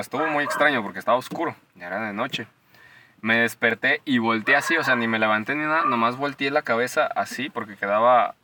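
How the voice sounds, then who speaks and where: A young man with a Mexican Spanish accent, chatting casually as a podcast co-host, slangy and animated, swearing freely. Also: medium pitch, distant mic, slight background noise. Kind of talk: casual storytelling chat.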